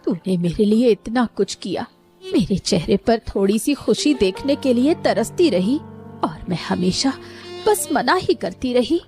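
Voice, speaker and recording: A woman's voice: fairly high pitch, lively intonation, unhurried, mellow, faint music behind. Woman voicing tearful remorseful cartoon mother. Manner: emotional, tearful. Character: weary middle-aged mother, remorseful and loving. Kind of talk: Hindi cartoon voice acting.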